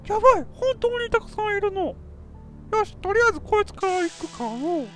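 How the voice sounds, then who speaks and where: A woman's voice: very high-pitched, very animated, a little fast, fairly bright tone, faint music behind. A woman commentating a video game in a playful, boastful, old-fashioned elderly dialect. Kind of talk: casual let's play commentary.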